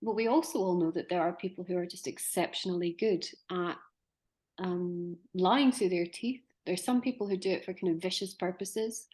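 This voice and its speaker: Woman in her forties, podcast host; lowish voice, reflective and questioning, with thoughtful pauses. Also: darkish tone. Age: 40s. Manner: musing, hesitant, posing questions. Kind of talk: conversational discussion.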